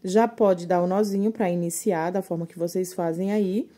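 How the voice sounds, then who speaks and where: Soft-spoken woman teaching crochet. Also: fairly low pitch, fairly even intonation, normal speed. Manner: patient, counts stitches aloud, addresses viewers as girls. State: a little short of breath from coughing. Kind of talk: step-by-step crochet tutorial.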